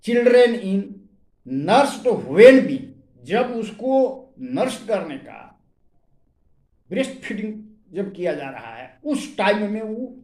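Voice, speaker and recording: A man teaches homeopathy at an unhurried, deliberate pace. His voice sits somewhat high, and he stresses each repertory term as he reads it out. The sound carries a noticeable echo from the room. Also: a little mellow. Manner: reads out repertory rubrics word by word, stressing them. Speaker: homeopathy doctor. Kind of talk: explanatory medical lesson.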